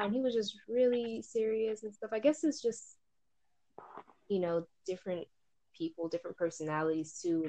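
A young woman with a lowish, dark-toned voice chats casually about starting a podcast, laughing often and saying "like" a lot. She's an aspiring podcaster, and the audio quality is poor.

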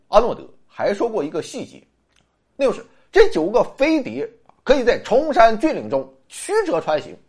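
A husky narrator reads scripted mystery documentary material in a suspenseful true crime style. The pitch swings very widely from phrase to phrase around a medium register, giving the storytelling a strongly dramatic shape. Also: darkish tone.

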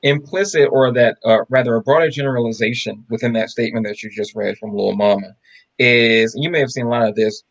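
A man co-hosting a podcast argues emphatically in a casual discussion, firing rhetorical questions and repeating "bro" and "right?" His medium-pitched voice moves a little fast. The audio is poor, with no room sound.

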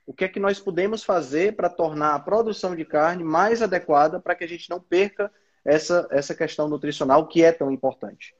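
This interview host is a man with a Brazilian Portuguese accent and a fairly high voice, speaking a little fast. He runs a casual interview with enthusiasm, often repeating words while he thinks. The audio is dull and lo-fi.

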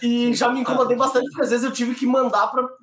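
A man's voice: very high voice, level tone, fast talker, crowd noise. Middle-aged male panelist, emphatic and opinionated, roomy echoey sound. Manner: emphatic, opinionated, repeats for stress. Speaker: panel guest. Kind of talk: casual panel discussion.

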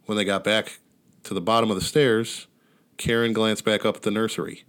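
A man's voice: lowish voice, fairly even intonation, a little fast, fairly bright tone. A man hosting a podcast, casually retelling a story in a wry, laid-back way with casual swearing. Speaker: podcast host. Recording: outdoor neighborhood ambience behind.

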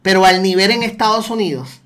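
A man's voice: high-pitched, brisk, a bit bright. A man with a Puerto Rican accent talking in a casual discussion, often restarting and repeating words. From Puerto Rico.

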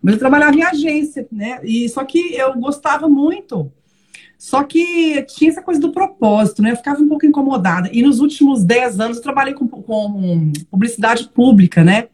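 A woman's voice: sits high, normal speed, slightly rough. A Brazilian woman in her fifties with a Brazilian Portuguese accent, chatting animatedly as a guest on a live talk. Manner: chatty, animated, laughs easily. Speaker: guest, low-carb advisor. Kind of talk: casual live chat.

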